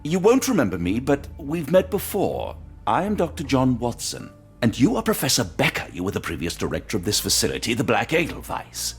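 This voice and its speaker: A man playing an earnest, weary English doctor in a video game, polite and measured with a dry, wry streak. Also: medium pitch, wildly swooping pitch, slightly rough, faint music behind, exaggerated voice. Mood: firm, persuasive.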